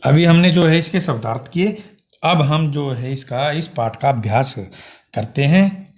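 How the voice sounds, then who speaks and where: A man teaching a language lesson, explaining words one by one and spelling them out syllable by syllable. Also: fairly high pitch. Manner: slow and deliberate, spelling words out letter by letter.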